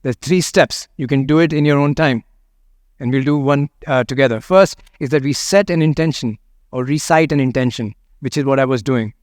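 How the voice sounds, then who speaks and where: Man gently teaching meditation, close dry sound. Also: mid-range voice, moderate pace, no echo. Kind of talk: guided meditation and talk on loving kindness.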